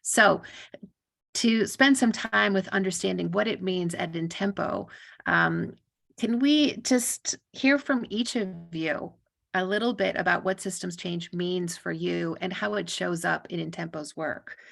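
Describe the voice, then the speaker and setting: A woman's voice: on the low side, a little slow, creaky, fairly bright tone. A woman moderating a webinar, chatting in a friendly way and steering the discussion to her guests. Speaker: webinar moderator for a music foundation. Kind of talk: hosting a webinar conversation.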